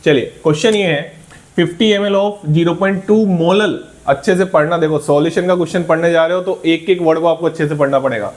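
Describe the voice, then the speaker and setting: A man's voice: fairly high pitch, fairly quick. A male chemistry teacher working through an exam problem step by step, encouraging students and asking then answering his own questions.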